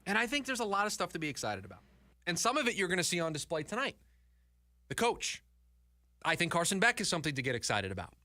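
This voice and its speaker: Male sports talk host, higher pitch, very lively delivery, dry close studio sound. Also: fast, no echo. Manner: animated, repeats words when emphatic. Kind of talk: sports talk radio chat. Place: radio studio. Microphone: studio mic.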